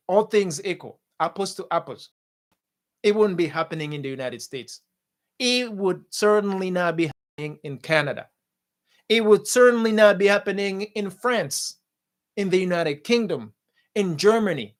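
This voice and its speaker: A man with a fairly high voice delivers impassioned political commentary as a talk show host. He hammers his points home with repetition and talks straight to his viewers. His voice comes through a studio mic. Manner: forceful, repetitive, addresses viewers as guys.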